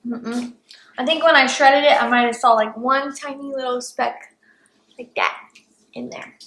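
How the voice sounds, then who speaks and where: A woman's voice: sits high, fairly even intonation, measured pace, a bit bright, reverberant, a little hiss or hum, rough recording. A woman co-hosting a home food-tasting vlog, chatty and upbeat. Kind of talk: casual food-tasting chat.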